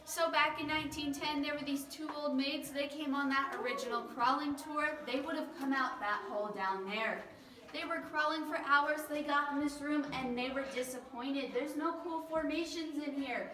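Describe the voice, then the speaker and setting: Echoing cave guide, high-voiced woman. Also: normal speed. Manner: instructive, lightly joking. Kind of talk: guided tour narration to a group. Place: inside a cave. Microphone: handheld camera some distance away. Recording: echoing cave, distant camera, noisy.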